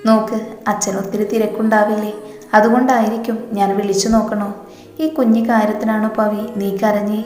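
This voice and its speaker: Woman reading a tender young husband, soft coaxing manner, flat tone, echoey room. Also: medium pitch, a little fast, soft background music, lightly acted. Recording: echoey room with long reverb.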